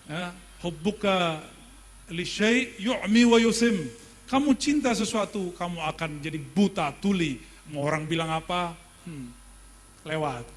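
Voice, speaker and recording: A middle-aged man preaching a sermon, conversational, asking his listeners questions and joking with them. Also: on the high side. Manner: conversational, asks the audience questions and jokes. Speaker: Islamic preacher teaching a classical text.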